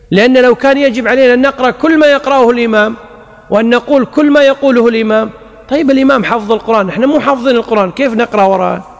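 Male religious scholar, high-pitched, patient explanatory delivery, long reverb. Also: creaky. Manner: explanatory, repeats key phrases, recites examples. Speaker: Islamic scholar answering questions. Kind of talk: religious Q&A lecture.

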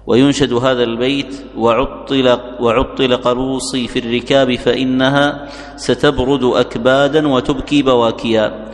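A man reading a classical grammar text aloud, reciting it in a measured way before the teacher. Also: mid-range voice, level tone, in a large hall.

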